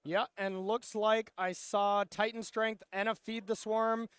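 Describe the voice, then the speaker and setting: A man's voice: high-pitched, flat delivery, a little slow, fairly bright tone, clear, resonant tone, dry recording. A man giving live play-by-play commentary on a card game, analytical with dry sarcasm.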